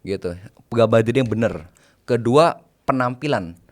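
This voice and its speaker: A man's voice: mid-range voice, lively intonation, normal speed, a little mellow. A man, a private banker, chatting casually as an interview guest, mixing in English phrases and laying out numbered tips.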